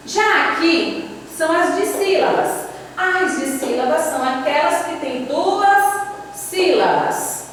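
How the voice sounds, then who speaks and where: Woman teacher, Brazilian Portuguese accent, high voice, patient explaining, echoey hall, distant mic. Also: measured pace, fairly bright tone. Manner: explanatory, repeats and counts out examples. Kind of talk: classroom grammar lesson. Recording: echoey hall, voice from far off, faint hum.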